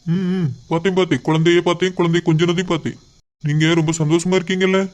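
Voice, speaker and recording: A man plays a lovesick young cartoon man who has given up hope. He speaks quickly in a flat, even voice. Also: sits high, close to an everyday voice. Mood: sad. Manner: subdued, resigned. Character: heartbroken young man in love.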